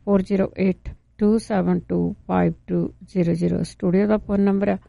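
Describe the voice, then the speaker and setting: A woman hosting a radio call-in show, taking callers and answering them calmly and briefly. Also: medium pitch, normal speed, creaky, no echo, dull audio. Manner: calm, brief replies to callers. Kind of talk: radio call-in chat about home remedies.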